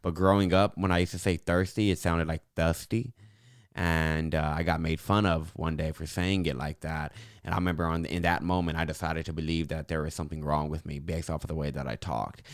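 A young man speaking earnestly and encouragingly as an interview guest, with a slight impediment that softens his r's toward w and affects his s's. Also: extremely low pitch, level tone, brisk, no room sound, clean studio sound. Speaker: podcast guest. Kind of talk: earnest personal reflection in an interview.

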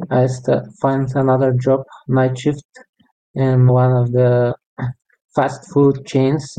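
Bulgarian guy in his 30s, flat even delivery, smooth tone, stops and restarts a lot, laughs. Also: mid-range voice, rough recording. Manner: halting, self-correcting, laughs often. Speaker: bird guide, podcast guest. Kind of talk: interview answers.

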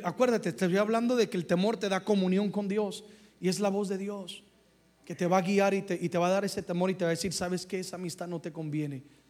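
A young pastor with a high voice preaches a sermon, shifting between hushed passages and loud ones while calling on his congregation to answer.

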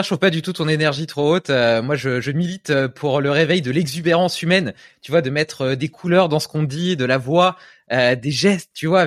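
A man's voice: on the high side, no room sound. Enthusiastic man hosting, dry sound. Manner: enthusiastic, many fillers and "tu vois". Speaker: podcast host. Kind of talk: interview conversation.

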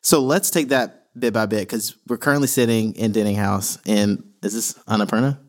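Guy hosting a podcast, voice on the low side, cheerful, keeps the questions coming. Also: fairly even intonation, normal speed. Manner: upbeat, laughs easily, asks questions. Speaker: podcast co-host. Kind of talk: casual interview chat.

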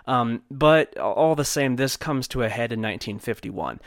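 A man's voice: mid-range voice, animated, moderate pace, no echo, clean studio sound. A man co-hosting a casual history podcast, chatty, swearing freely and laughing as he tells the story. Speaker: podcast co-host.

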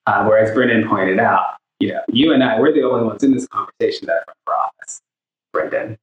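A man hosting a podcast interview, asking questions with many fillers and pauses. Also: on the low side, echoey room, very noisy. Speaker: podcast host.

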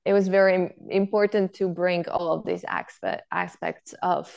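Gravelly-voiced woman from Bulgaria. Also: fairly low pitch, normal speed, darkish tone, highs cut off. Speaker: guest, product founder. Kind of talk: podcast interview.

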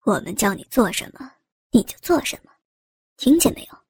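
A woman doing a sneering male cop who lowers his voice to a taunting half-whisper. The timbre is dark and mellow, set close to the mic in a dry, dead space. It is a read-aloud story voice. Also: big pitch swings, fairly quick, husky, dry recording, exaggerated voice. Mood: menacing. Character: sneering insolent male police officer.

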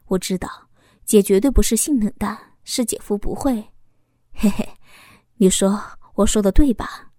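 A woman's voice: mid-range voice, no room sound, clean studio sound, natural voice. Woman voicing a sly teasing young man. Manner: playful, sly, softly intimate.

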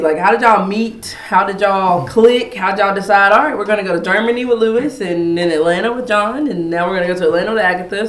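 Woman, podcast host, upbeat, chatty, mid pitch, echoey room. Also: fairly bright tone. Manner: upbeat, chatty Southern phrasing. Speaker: podcast host, school administrative assistant. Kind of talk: casual interview.

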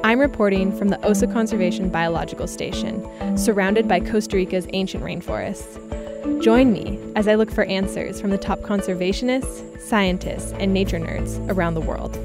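A woman's voice: medium pitch, normal speed, loud music behind the voice. A woman hosting a podcast, reading scripted narration and asking interview questions in a friendly way. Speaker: podcast host.

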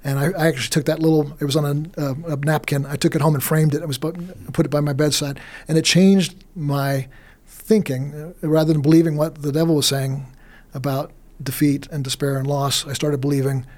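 This is a middle-aged man with a fairly high voice, speaking as a guest minister in a faith interview. He talks earnestly, often stumbling, restarting and repeating words as he pushes his point. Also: little pitch movement, a little fast, darkish tone.

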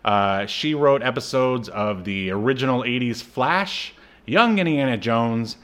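A native English speaker co-hosts a podcast of casual film and TV chat, joking and chuckling through a halting delivery. His medium-pitched voice is expressive and a bit bright.

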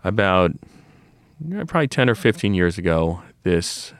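A man's voice: low voice, sing-song, normal speed, no echo. A middle-aged man who runs a comic shop, telling long rambling stories on a podcast with many restarts and asides. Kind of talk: casual storytelling conversation.

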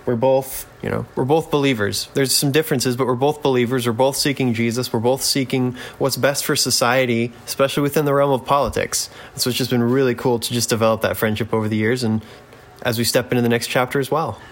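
A man's voice: medium pitch, steady tone, fast talker. Man chatting casually as podcast guest. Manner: informal, repeats and rephrases points. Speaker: podcast guest, advocacy group director. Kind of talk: casual interview chat. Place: basement of a guest home.

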